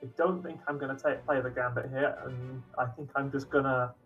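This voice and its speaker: A man with a mid-range voice chats easily as a gameplay partner, relaxed and quick to laugh. Faint game music sits underneath his voice. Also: medium pitch, narrow, tinny audio. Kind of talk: casual gameplay chat.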